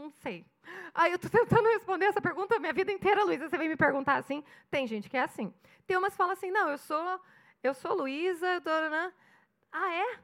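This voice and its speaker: A woman pastor in her thirties from Brazil with a Curitiba accent, preaching a sermon and acting out little dialogues as she tells stories. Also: high voice. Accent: Brazilian Portuguese, Curitiba. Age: 30s. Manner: animated storytelling, acting out dialogue.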